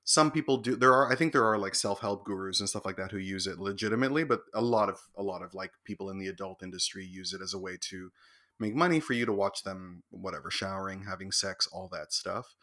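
A man co-hosting a podcast, chatting casually and giving blunt, deadpan opinions. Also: low-pitched, quick pace. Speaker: podcast co-host. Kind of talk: casual chat.

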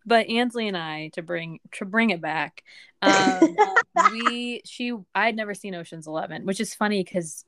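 A young woman co-hosting a podcast, chatting casually and rambling with many pauses and fillers. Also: mid-range voice, heavy background noise. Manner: rambling, lots of ums and likes. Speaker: podcast co-host. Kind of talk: casual chat.

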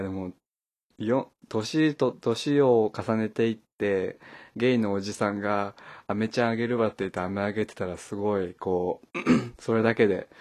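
A man hosting a casual solo podcast from home, rambling with many fillers and laughing often. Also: fairly low pitch. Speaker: podcast host. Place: at home, wrapped in a blanket.

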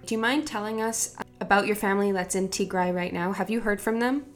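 Female interviewer, soft and gentle delivery. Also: medium pitch, fairly even intonation, fairly quick, soft background music. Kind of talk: interview questions.

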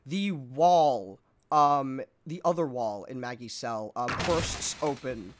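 A man's voice: medium pitch, slow pace. A man running a tabletop game as game master. He explains the rules and narrates scenes, with frequent "um"s.

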